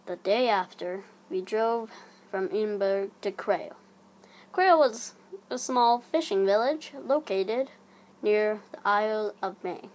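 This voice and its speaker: A woman narrating a scripted horror story in a hushed, creeping manner, breathy and sometimes sinking toward a whisper. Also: medium pitch, takes it slowly. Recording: audible background noise.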